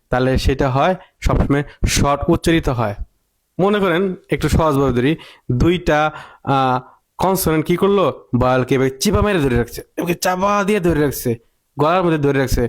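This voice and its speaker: A man teaching an online English reading lesson, repeating rules, quizzing the viewer and scolding critics. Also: on the high side.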